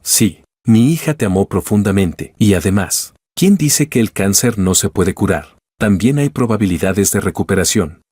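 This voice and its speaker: A man's voice: on the low side, animated, normal speed, few pauses, a little mellow, husky, no room sound, studio quality. A man voicing a greedy, scornful older mother-in-law in a storybook narration. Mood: desperate. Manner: contemptuous.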